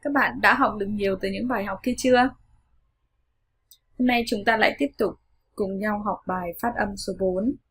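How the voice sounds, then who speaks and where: A Vietnamese-speaking woman teaching English pronunciation in an online lesson, modeling each sound slowly and repeating words for learners. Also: mid-range voice, fairly even intonation, a bit bright. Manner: slow, clear modeling of sounds with repetitions.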